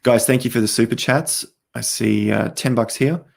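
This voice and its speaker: A man hosting a casual crypto livestream, talking straight to viewers as he walks through charts, his voice going hoarse with coughs. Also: medium pitch, moderate pace. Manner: chatty, talks straight to viewers while walking through charts. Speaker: crypto market host.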